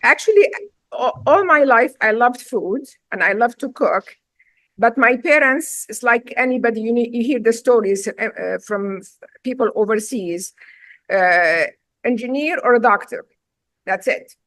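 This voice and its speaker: A woman's voice: a little high, lively intonation, unhurried, a bit bright, no room sound. A middle-aged woman from Syria with a Syrian accent, a chef and restaurant owner telling her story in a casual interview, emphatic and direct.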